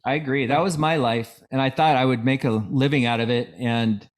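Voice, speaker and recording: A man's voice: mid-range voice, steady tone, normal speed. A middle-aged man hosting a casual podcast interview, speaking in a reflective, affirming, conversational way. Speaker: podcast host.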